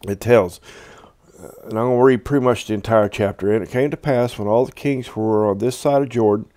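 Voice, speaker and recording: A man teaching from the Bible in a conversational, halting way, reading long passages aloud and explaining them with fillers and restarts. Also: mid-range voice, dark tone, dry recording, studio quality.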